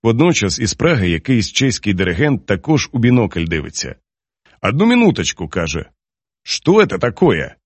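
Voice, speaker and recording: A man's voice: fairly low pitch, sing-song, normal speed, no echo. A male narrator voicing a sly Soviet man telling a mocking anecdote in an audiobook. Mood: joking.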